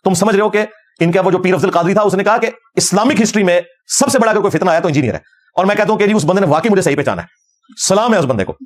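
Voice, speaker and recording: Fast-talking middle-aged guy, fired-up religious lecture, high voice. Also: expressive. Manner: combative, fervent, quotes Arabic verses. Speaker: religious scholar.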